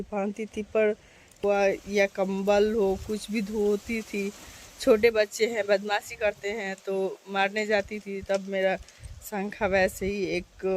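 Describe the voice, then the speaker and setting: A woman's voice: medium pitch, darkish tone, a little hiss or hum. A woman in her thirties chatting casually to her viewers on a phone camera, sitting outdoors in the shade at her doorway. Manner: chatty, addresses viewers directly. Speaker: vlogger.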